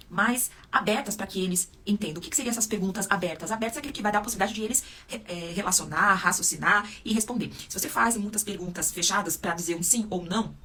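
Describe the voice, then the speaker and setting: A woman's voice: mid-range voice, pushed and bright, slightly rough. A woman educator with a Brazilian Portuguese accent, giving spoken teaching tips to camera and often tagging her sentences with little check-in questions. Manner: peppers sentences with "né?" and "tá?" tag questions. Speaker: educator and psychopedagogue. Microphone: close to camera or phone mic.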